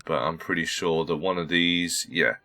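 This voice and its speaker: Feeling a bit unwell, this man still narrates his strategy game playthrough in a courteous, talkative way, reasoning out loud for his gaming channel. His voice sits low and steady at a normal speed, bright and forceful in tone.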